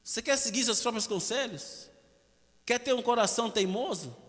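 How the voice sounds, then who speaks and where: A man's voice: extremely high pitch, expressive, moderate pace, a bit bright. A man preaching a sermon as pastor, with a Brazilian accent, emphatic and asking rhetorical questions over and over. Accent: Brazilian Portuguese. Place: church. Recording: long church hall reverb.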